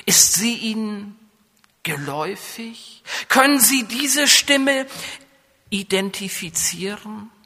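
A pastor from northern Germany, speaking with a coastal accent, preaches in a church, his microphone picking up hall reverb. His voice sits high and sounds pushed and bright, animated yet slow. He frequently puts questions to the congregation and builds toward raised, emphatic passages.

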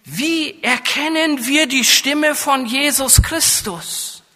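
Speaking slowly in a very high-pitched voice that is pushed and bright, a pastor with a coastal accent from northern Germany gives a sermon. The microphone recording in the church carries hall reverb. He often addresses questions to the congregation and escalates into raised, emphatic passages.

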